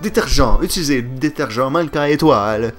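A man putting on the voice of a pushy TV ad announcer selling detergent, in a salesy pitch voice. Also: fairly quick, faint music behind, natural voice.

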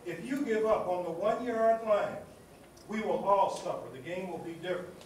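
Man, high voice, commencement speaker with a rhythmic, repeating oratorical cadence. Recorded from far off, with audible noise behind him. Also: normal speed, very echoey. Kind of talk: commencement speech. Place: large hall at a graduation ceremony.

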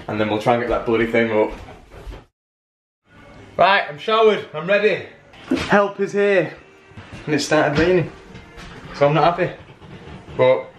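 A man's voice: mid-range voice, fairly bright tone, slight background noise. A young man from England chatting casually in a self-mocking way as he vlogs his day at home. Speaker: vlogger. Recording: roomy sound with faint music.

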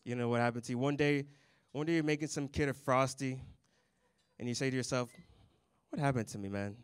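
With a clear, resonant, medium-pitched voice and a fairly quick pace, a young comedian performs stand-up on a comedy club stage using a handheld mic. His dry, deadpan delivery includes small chuckles, and there's no room sound.

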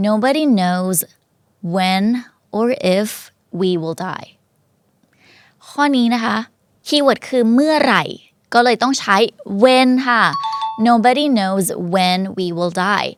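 A young woman teaches English in a casual online lesson, speaking. She reads each English example slowly and clearly and spells words out letter by letter. Her voice sits at an ordinary pitch, recorded dry and close with no room sound. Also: no echo. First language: Thai.

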